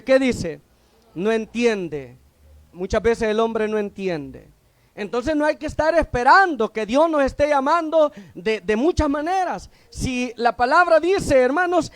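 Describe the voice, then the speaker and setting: A Salvadoran deacon preaches in a very high male voice. He peppers the congregation with questions and waits for their answers. His voice is recorded close and dry, with almost no room sound. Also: dry recording. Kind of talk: sermon.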